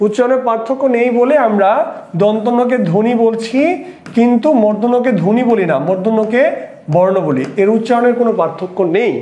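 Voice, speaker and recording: A man's voice: extremely high pitch, fairly quick, dark tone. A man teaching an exam-prep lesson, asking rhetorical questions and repeating the key points. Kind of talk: lecture solving exam questions. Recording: roomy echo.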